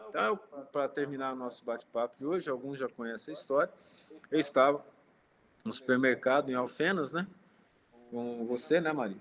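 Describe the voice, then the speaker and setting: A man's voice: medium pitch, a little fast, fairly bright tone. A man giving an informal spiritist talk, telling personal stories, speaking directly to his listeners and acting out quoted dialogue. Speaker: spiritist lecturer.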